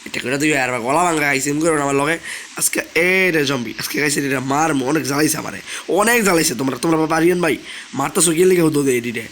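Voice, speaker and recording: A young man, hoarse from a sore throat, chatting casually as he plays a game and keeps asking viewers to subscribe. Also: a little high, fast, fairly bright tone, slight background noise. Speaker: gaming channel host. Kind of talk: casual gameplay commentary.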